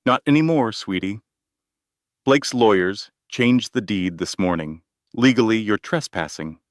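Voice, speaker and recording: A man's voice: lowish voice, expressive, measured pace, no room sound, studio quality. A man voicing a smug young mistress who mocks her rival in a storybook drama. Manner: mocking, smug.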